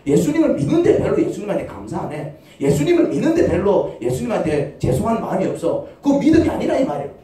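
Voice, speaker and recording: A man's voice: sits high, big pitch swings, fast talker, few pauses, dark tone. A man preaching a sermon as pastor, firing off rhetorical questions and acting out short quoted voices. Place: church sanctuary. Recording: echoey church hall, voice from far off the mic.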